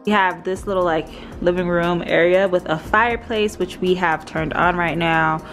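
Woman vlogging from a cabin, lowish voice, kinda out of breath, chatty, keeps fixing her words, music playing under. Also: fairly even intonation, normal speed. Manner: chatty, self-correcting. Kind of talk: casual vlog narration. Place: mountain rental cabin.

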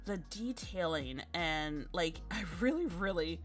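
A woman's voice: lowish voice, animated, unhurried, soft background music. A woman casually commenting on a game as she plays, chatty and thinking aloud with many fillers. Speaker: game streamer. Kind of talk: casual let's-play commentary.

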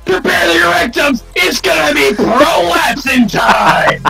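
A man's voice: extremely high pitch, lively intonation, slow pace, raised voice, music in the background, exaggerated voice, poor audio. A man doing a shrieking, enraged gamer. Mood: furious. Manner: screams insults, voice strained and gravelly. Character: hostile shrieking male gamer persona, always enraged. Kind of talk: in-game voice chat role-play.

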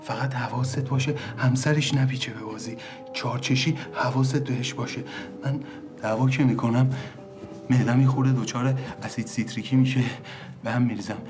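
An actor playing a smooth, conspiratorial man who schemes to collect a debt. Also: medium pitch, fairly even intonation, lightly acted. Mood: scheming. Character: wily middle-aged male fixer, scheming. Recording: background music.

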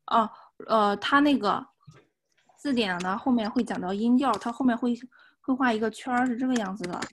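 A woman's voice: fairly high pitch, moderate pace, slight background noise. Woman teaching over a video call. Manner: patient, explaining step by step. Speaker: Japanese teacher. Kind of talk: online class instruction.

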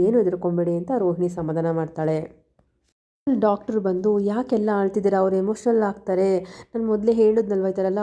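A woman's voice: medium pitch, mellow. A woman with a Kannada accent retelling a TV serial episode, reading the characters' lines plainly. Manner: plain storytelling, reads characters' lines without acting them. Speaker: serial recap narrator.

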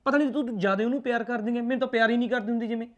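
A man's voice: very high voice, fairly even intonation, very fast, fairly bright tone, muffled recording. An actor playing a hot-tempered young husband who argues defensively with his mother. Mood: resentful. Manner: resentful, argumentative. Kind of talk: film drama dialogue.

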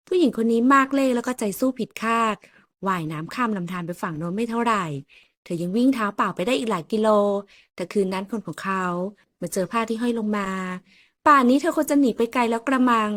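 A woman narrating a romance audiobook in an even storytelling manner. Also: on the high side, no echo.

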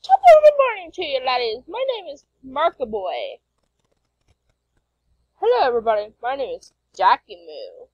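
A woman voicing an excitable young man with a put-on Irish brogue, loud and bouncy, on a muffled lo-fi home recording. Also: sits high, moderate pace, pitched above the performer's own voice, heavily acted. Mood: boisterous.

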